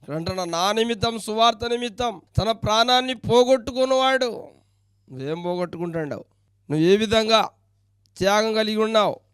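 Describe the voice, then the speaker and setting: A man's voice: sits high, brisk, fairly bright tone, clear, resonant tone, no room sound, studio quality. A male pastor preaching a sermon, firing rhetorical questions at the listeners and reading scripture passages aloud.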